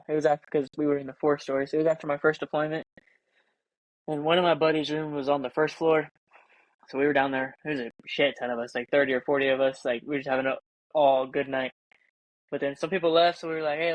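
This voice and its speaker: A man's voice: fairly high pitch, no room sound, rough recording. A young man co-hosting a casual podcast, telling a rowdy story with swearing and laughter. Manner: laughing, profane, animated storytelling. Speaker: podcast co-host.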